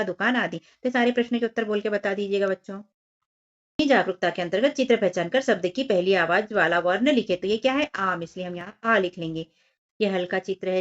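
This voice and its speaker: Woman teacher for a children's lesson, patient and gently instructive, drawn-out syllables, medium-pitched voice, slightly dull lo-fi audio. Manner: patient, sounds out letters and syllables one by one. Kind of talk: workbook lesson for young children.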